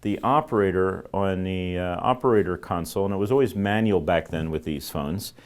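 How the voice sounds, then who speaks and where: A man's voice: low voice, fairly quick. A man giving an informal, rambling classroom lecture on telephone systems, with many fillers and restarts. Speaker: telecom instructor.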